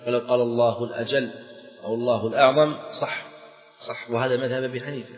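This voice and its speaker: A man's voice: mid-range voice, flat delivery, quick pace, faint music behind. A man teaching Islamic jurisprudence in a lecture, repeating key phrases for emphasis with sing-song stresses. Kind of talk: classroom lecture explaining a text. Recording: echoey hall, dull lo-fi sound.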